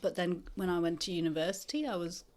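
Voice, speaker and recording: A woman in her fifties, a lecturer from the northeast of England, gives an interview in a fairly low, darkish voice. She is thoughtful and measured, with plenty of pauses along the way.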